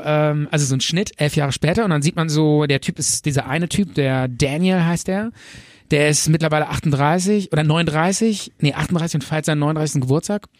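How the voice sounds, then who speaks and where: A man's voice: on the high side, no echo, studio quality. A man in a casual chat, rambling with many fillers and restarts while retelling scenes and acting out the quotes.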